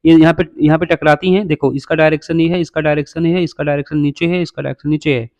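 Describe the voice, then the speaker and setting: A man's voice: fairly high pitch, steady tone, quick pace, darkish tone, no room sound, lo-fi sound. A man teaching a geography lesson over a map, quizzing his listeners and answering himself, repeating each name by number and calling listeners brother. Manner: repetitive, drills names by number.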